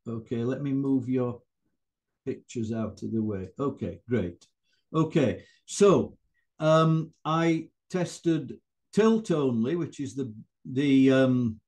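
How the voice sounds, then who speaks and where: An elderly man's voice, mid-pitched and unhurried, presents scientific research with slides. He talks informally and haltingly, taking his time and addressing his listeners in asides. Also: darkish tone. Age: older.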